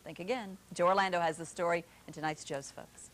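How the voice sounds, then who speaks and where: A woman's voice: fairly low pitch, steady tone, a little fast. A woman reading a scripted news introduction in a playful, upbeat way. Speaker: news anchor.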